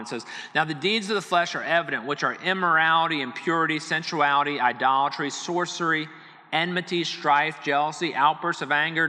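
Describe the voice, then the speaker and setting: A man's voice: a little high, bright, forceful tone. A middle-aged man, a pastor, preaching a sermon in an earnest, conversational way with many repetitions. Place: church hall. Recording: long reverb of a large hall.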